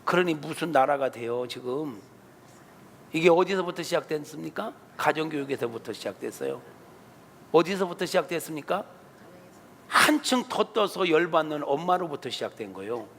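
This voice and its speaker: A man, a pastor, preaching a sermon in an animated, colloquial way in a church. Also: a little high, normal speed, gravelly, slight background noise. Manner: animated, colloquial, acts out quotes. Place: church sanctuary. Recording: reverberant church hall.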